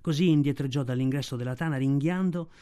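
A man narrating a story aloud in a steady storytelling delivery. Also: mid-range voice, fast talker, clear, resonant tone. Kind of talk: audiobook reading.

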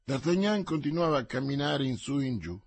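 A man narrating a novel aloud in an expressive, measured reading. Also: medium pitch, gravelly, slightly rough. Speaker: audiobook narrator. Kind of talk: scripted narration.

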